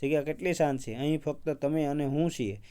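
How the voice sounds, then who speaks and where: A man voicing a lonely, scheming young woman on a mountain, speaking softly and coaxingly in his own mellow, resonant voice. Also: on the high side, brisk, smooth, natural voice.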